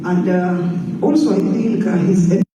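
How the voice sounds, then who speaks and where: A man from Tanzania, giving an unscripted conference speech as a development bank representative, halting and pausing often. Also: high voice, warm tone. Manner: unscripted and halting, with many pauses. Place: large conference hall. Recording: echoey hall from far off, faint noise.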